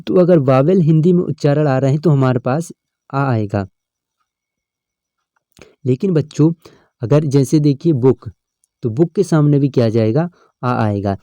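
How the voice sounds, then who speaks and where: A man's voice: medium pitch, a little slow, long pauses, mellow, dry recording, dull audio. A male teacher, explaining an English grammar lesson step by step and often checking in with his students. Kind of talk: exam-prep lesson.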